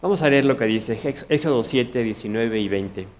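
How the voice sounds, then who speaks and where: A man's voice: medium pitch, moderate pace. A man with a Mexican Spanish accent preaching a sermon, earnest, often asking his congregation questions. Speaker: pastor.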